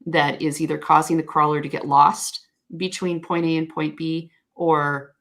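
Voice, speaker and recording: A woman appears as a guest expert on a video call, explaining search crawling conversationally, thoughtfully and frankly, often correcting herself. Her low voice is flat and fairly bright, at a moderate pace.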